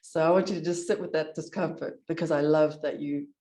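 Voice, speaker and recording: Low, mellow-voiced woman coaching. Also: steady tone. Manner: encouraging, direct, measured. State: voice shaking from cold. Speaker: recovery coach. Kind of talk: coaching call.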